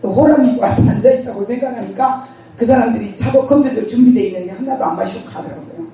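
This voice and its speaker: Older woman pastor, lively storyteller, mellow voice, very echoey far-off sound. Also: a little high, fast talker. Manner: animated storytelling, acts out scenes. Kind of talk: sermon. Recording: very echoey hall, distant mic.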